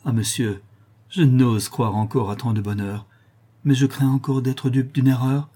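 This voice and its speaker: A man's voice: mid-range voice, fairly even intonation, unhurried, dark tone, slightly rough. A man reading an audiobook, voicing an earnest, tender noble young woman who speaks fervently and pleads.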